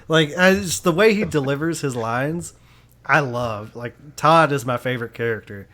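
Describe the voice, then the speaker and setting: A man's voice: medium pitch, expressive, normal speed, sharp tone. Laughing, enthusiastic male podcast host. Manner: enthusiastic, laughs often, restarts sentences. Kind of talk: casual film review chat.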